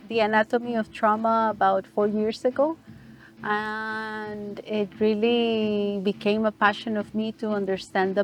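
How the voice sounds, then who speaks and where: A young woman from Costa Rica, answering interview questions in a slow, reflective, gentle way. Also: mid-range voice. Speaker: guest, ceremonialist and sound therapist.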